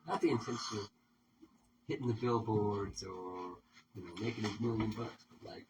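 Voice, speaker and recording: Man, radio host, casual rambling chat, fairly low voice, off-mic, noisy room. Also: moderate pace. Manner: rambling, many restarts, laughs easily. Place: radio studio. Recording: distant mic with audible background noise.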